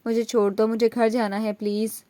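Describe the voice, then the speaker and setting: A woman's voice: on the high side, flat delivery, warm tone, no echo, close to an everyday voice. A woman voicing a frightened, tearful young woman who pleads to be let go, in a storybook reading. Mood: pleading tearful. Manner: pleading, sobbing.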